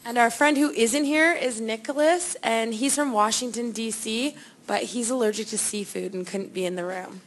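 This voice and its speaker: A woman's voice: fairly high pitch, normal speed. A woman briefly introducing herself and a friend in a friendly way. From Canada. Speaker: youth presenter.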